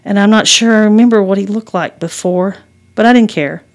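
A woman's voice: mid-range voice, brisk, pitched above the performer's own voice, natural voice. A woman reading as a wry, sarcastic mother. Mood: reminiscing. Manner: dry, sarcastic humor. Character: wry, teasing mother driving her daughter.

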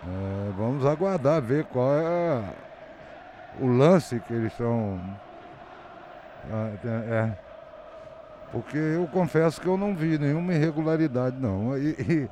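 A man analysing a live football match, halting and repeating words as he searches. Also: mid-range voice, lively intonation, dark tone. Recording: faint outdoor urban noise.

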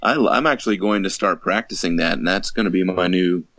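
A man's voice: low-pitched, fairly quick, a bit bright, a little hiss or hum. A man co-hosting a casual movie review podcast, with dry, wry humor. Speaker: podcast co-host.

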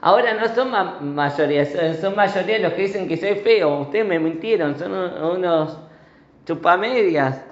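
A furious, vain king scolds his flatterers in high, indignant outbursts, as a rabbi puts him on in his sermon. His rings out in a roomy space. The recording sounds slightly dull. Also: unhurried. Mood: angry. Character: vain ugly king, angry and shouting.

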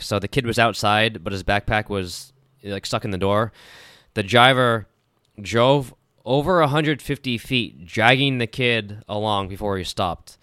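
A man's voice: lowish voice, smooth, dry recording, clean studio sound. A man co-hosting a podcast, recounting a news story in a laid-back way. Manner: laid-back, relaxed delivery with fillers. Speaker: podcast co-host. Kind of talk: casual chat, news recap.

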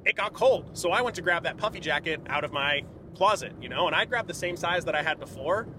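An excited man rattles off his thoughts at speed, piling up fillers as he goes. He speaks from inside a car, with clear road noise behind him. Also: fairly high pitch, fast talker. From California. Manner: enthusiastic, rambling, filler-heavy. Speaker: podcast guest. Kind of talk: casual conversation.

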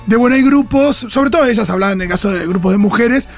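Male radio host, high voice, chatty and quick to agree. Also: faint music behind. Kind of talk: casual radio chat, reading listener messages.

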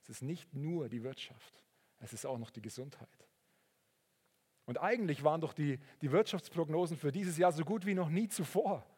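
A man preaching a sermon, earnest and sometimes rising into excited storytelling. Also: a little high, moderate pace, slightly rough. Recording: long reverb of a large hall.

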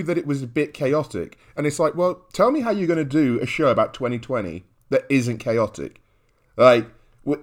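A man chatting casually on a podcast, telling stories animatedly with lots of fillers and restarts. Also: medium pitch. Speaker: podcast guest and regular, comedian.

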